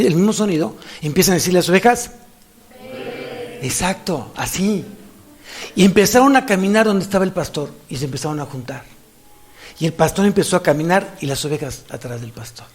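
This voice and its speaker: A man with a Mexican Spanish accent preaching as a pastor in a church, animated, repeating phrases for emphasis. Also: high voice, fairly quick, breathy edge. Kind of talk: sermon.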